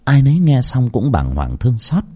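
A husky male storyteller, telling a grim tale in a grave, dramatic way. His pitch rises and falls widely across each sentence. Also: wildly swooping pitch, moderate pace, warm tone.

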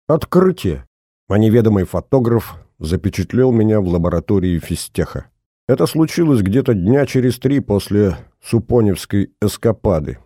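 A man narrating a first-person audiobook in a steady, measured storytelling manner. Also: sits low, dry recording, clean studio sound.

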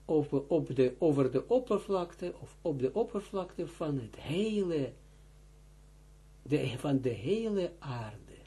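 Slow, husky-voiced Dutch-speaking rabbi teacher. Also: male voice, on the high side, big pitch swings, mellow. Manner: reads Hebrew and Aramaic phrases, then explains them in Dutch; repeats phrases and urges close attention. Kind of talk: line-by-line text study lesson.

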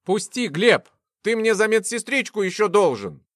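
A man reading an audiobook and voicing a jumpy young man who turns shrill and panicked. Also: expressive, moderate pace, a bit bright, no echo, clean studio sound. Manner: plain at first, then shrill and panicked.

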